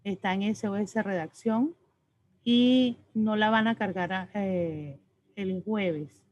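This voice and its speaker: A woman's voice: medium pitch, slow, a little mellow, a little hiss or hum. Woman teacher lecturing online, patient, keeps asking ok?, slightly dull audio. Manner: patient, explanatory, checks with "¿ok?".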